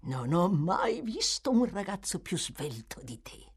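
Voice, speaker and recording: A woman voicing a sly, coaxing old man who trains young thieves, in a low, soft, drawn-out manner. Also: big pitch swings, breathy edge, heavily acted. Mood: approving. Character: sly, wheedling old male fence, coaxing.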